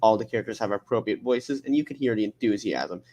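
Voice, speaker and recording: A man's voice: on the low side, quick pace, darkish tone. A man in a casual book club discussion, going through his points one after another with playful asides.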